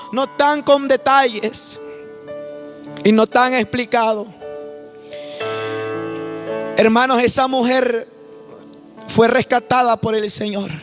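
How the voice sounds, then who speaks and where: Fervent male preacher, high-pitched, testimony sermon with faint music underneath. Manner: swells to shouting, speaks in tongues.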